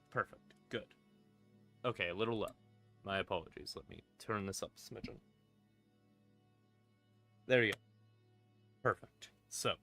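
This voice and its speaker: Creepy ambient music runs under a man streaming as a storyteller, who rambles and delivers atmospheric horror addressed to "you." His fairly low voice is bright and forceful, and his manner stays casual and self-deprecating.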